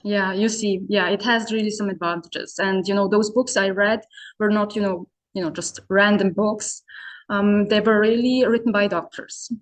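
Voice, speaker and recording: Guesting on a podcast, a young adult woman from Serbia talks in English about her online business community in a relaxed interview. She keeps a steady, medium-pitched tone at normal speed. "You know" and "um" crop up constantly as she hesitates.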